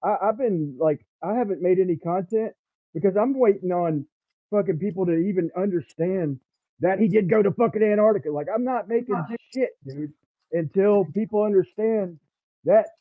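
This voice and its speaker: A man's voice: high-pitched, moderate pace, no room sound. A man talking casually in an online voice chat, frustrated and swearing, on a badly muffled mic that sounds underwater. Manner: frustrated, swearing, hesitant restarts. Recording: muffled phone-like mic, dry.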